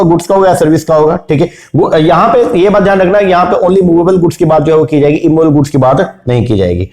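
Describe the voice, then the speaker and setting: A man's voice: mellow, echoey room. Man lecturing with self-answered questions. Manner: rhetorical questions answered by himself, drops pitch on key words. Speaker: commerce exam teacher. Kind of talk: exam revision lecture.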